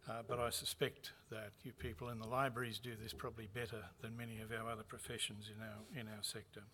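A man, a university executive, opening a conference with a measured, formal address that carries light touches of humor. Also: fairly low pitch, level tone, pushed and bright, slight background noise. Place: conference venue.

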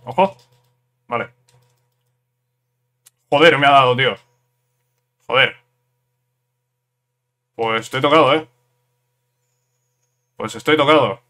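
A man from giving casual let's-play commentary on a fighting game, excitable, repeating words in quick bursts and ending phrases with "eh?". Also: medium pitch. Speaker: gameplay commentator.

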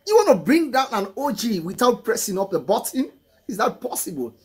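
A middle-aged man with a husky voice, reacting to a song in casual commentary and repeating phrases for emphasis. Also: high voice, very animated, fairly quick. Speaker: music reaction host. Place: indoor room, photo-covered wall. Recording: music playing faintly behind. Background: hip hop song.

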